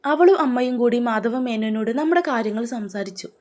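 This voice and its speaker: A woman voicing a young man who stays calm while holding back anger in a narrated story, speaking firmly. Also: on the high side, brisk, lightly acted. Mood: determined. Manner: firm and resolute.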